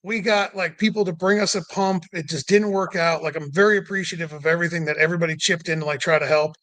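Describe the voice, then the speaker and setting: A man's voice: a little high, steady tone, quick pace, a bit bright. A man telling a long road-trip story in casual chat, rambling with lots of "like" and acting out the dialogue. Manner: rambling, heavy use of "like"; acts out quoted dialogue. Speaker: podcast guest.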